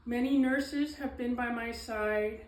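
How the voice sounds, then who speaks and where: A woman giving a slow, earnest reading of her own poetry, pausing often with ums and apologies. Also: a little high, steady tone. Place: small event space, indoors. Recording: echoey room, mic at a distance.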